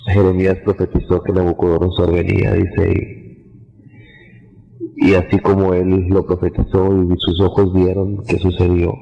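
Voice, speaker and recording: Low gravelly preacher in a reverberant hall. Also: male voice, monotone, normal speed. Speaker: preacher recounting a vision. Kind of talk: testimony sermon. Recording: dull lo-fi audio with long reverb.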